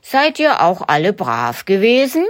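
A woman voicing a kindly, slow-spoken old St. Nicholas in a storybook reading. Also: mid-range voice, huge pitch swings. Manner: slow and measured.

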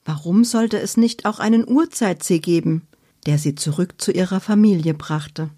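A woman reading a children's book aloud in a deliberate storytelling manner. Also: on the low side, mellow, no room sound, studio quality.

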